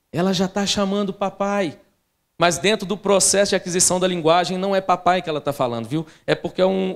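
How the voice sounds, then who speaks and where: A pastor preaching a sermon, telling a personal family story with frequent asides to the congregation. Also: male voice, sits high.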